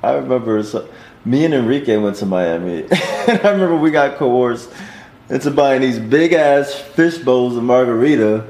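A man's voice: medium pitch, moderate pace, crowd noise. A man chatting casually, rambling through his reflections and stories in loose slang. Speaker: stage show performer. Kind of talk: casual chat. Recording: roomy echo, light background noise.

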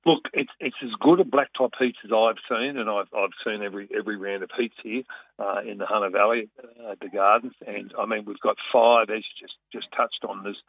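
An Australian man talking as a racing guest in a casual radio interview, conversational and a bit halting. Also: lowish voice, steady tone, vocal fry, husky, dry recording, narrow, tinny audio.

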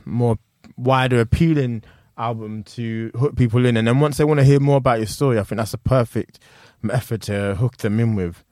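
Man, London accent, medium pitch, dry close sound, casual interview host. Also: normal speed, a little mellow, dry recording.

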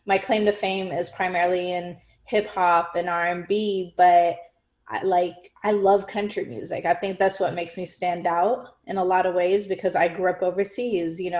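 Woman, interview guest, casual, lots of fillers, low-ish voice. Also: a little mellow. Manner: chatty, fillers like "like" and "you know". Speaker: music marketing guest.

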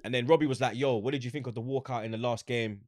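A man speaks in a London roadman accent, thick with street slang. He tells anecdotes in a casual, animated way, acting out both sides of exchanges. His pitch is average and the sound is very dry. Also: fast talker, no room sound. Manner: animated storytelling, acts out quoted exchanges. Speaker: interview guest, football fan.

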